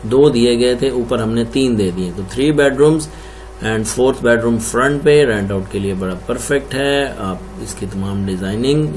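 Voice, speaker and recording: A man's voice: mid-range voice, takes it slowly, darkish tone, slight background noise. A man presenting and explaining house floor plans room by room, as an architect would. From Pakistan. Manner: explanatory, lists rooms one by one. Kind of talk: screen-recorded floor plan walkthrough.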